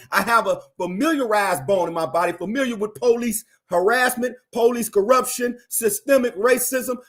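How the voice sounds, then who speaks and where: A man with a high-pitched voice delivers animated commentary to his viewers. He is emphatic and insistent, circling back to the same phrases to drive each point home. His energy stays up throughout. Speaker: commentator on a livestream.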